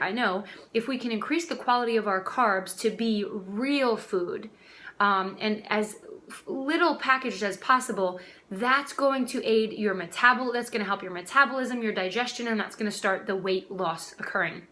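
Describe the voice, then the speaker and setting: Speaking from her dining room, a twenty-something health coach chats directly with viewers, whom she calls "guys," in casual vlog talk. Her fairly high voice is bright and forceful, at a moderate pace.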